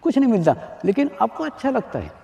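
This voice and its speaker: A man's voice: extremely high pitch, huge pitch swings, brisk, gravelly, warm tone. A man, a spiritual teacher, giving a discourse to an audience, repeating his phrases and asking rhetorical questions. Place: large hall with an audience. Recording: echoey hall, dull lo-fi archive recording.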